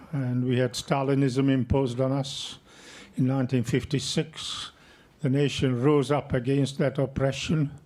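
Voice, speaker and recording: Slow, mellow-voiced Hungarian-born man in his 80s. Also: medium pitch. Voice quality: slow, measured, deliberate delivery. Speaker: audience member speaking. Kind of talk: unprepared speech at an event.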